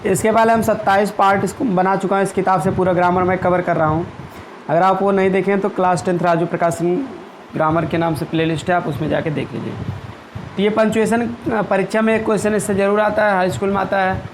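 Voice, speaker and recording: A man with a fairly high voice teaches a grammar lesson. He goes step by step with everyday examples and reads example sentences slowly. There is a faint hum of background noise. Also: steady tone, low-quality recording. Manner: checks in with "ठीक है" and "clear".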